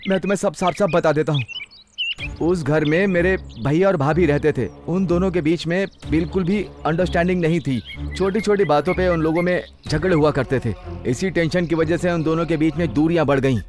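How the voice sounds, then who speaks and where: A scared captive, played by a man, begs his captors to stop in a dubbed film. His voice is high and strained. Faint music runs underneath. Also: a little fast, a little mellow, close to an everyday voice. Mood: confessing. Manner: pleading, protesting. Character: frightened kidnapped man pleading.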